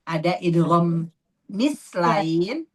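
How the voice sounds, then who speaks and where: A woman teaching a tajwid class, patiently asking students questions and repeating terms slowly. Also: fairly low pitch, animated. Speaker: Quran recitation teacher.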